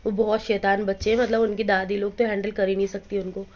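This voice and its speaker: A woman in her thirties with a hoarse voice, chatting casually to viewers in a home vlog. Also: mid-range voice, flat delivery, fast, a little mellow. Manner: chatty, addresses viewers directly. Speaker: vlogger. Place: at home, indoors. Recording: slightly dull lo-fi phone audio with faint noise.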